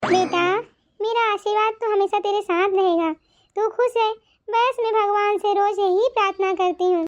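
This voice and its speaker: Woman voicing a gentle cartoon mother. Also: very high-pitched, fairly even intonation, moderate pace. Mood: lamenting. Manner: soft, advising, lamenting. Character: gentle, caring older mother on the phone. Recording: slightly dull, music behind.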